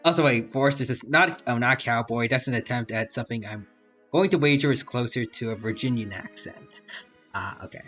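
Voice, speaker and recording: Guy streaming a game and cracking jokes, bright sharp voice, game music low behind. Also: fairly quick. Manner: joking asides, reads chat. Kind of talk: casual gameplay commentary. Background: faint game music.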